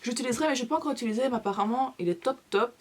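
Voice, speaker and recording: A woman's voice: on the high side, racing, a little mellow, breathy edge. Chatty young woman gushing over makeup. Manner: chatty, gushing, playful asides to viewers. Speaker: beauty vlogger. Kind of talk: casual haul video chat.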